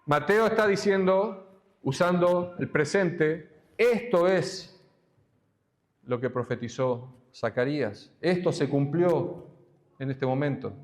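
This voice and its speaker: A man preaches in a church, his voice sitting high for a man. He explains scripture in a teaching style. He slows down and presses on each quoted verse. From Argentina. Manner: teaching, quoting scripture slowly with emphasis. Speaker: pastor. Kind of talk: expository sermon.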